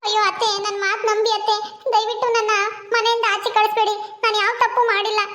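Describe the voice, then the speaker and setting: A woman's voice: very high-pitched, flat delivery, fast talker, a bit bright. A woman playing a young wife pleading her innocence in a village family drama, begging in a tearful tone. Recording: echoey room.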